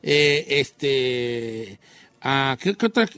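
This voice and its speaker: Man, Mexican accent, casual banter, jokey mimicry, very animated pitch. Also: drawn-out words, smooth, no echo. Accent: Mexican Spanish. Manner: jokey, imitates singers' shouts. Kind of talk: casual chat.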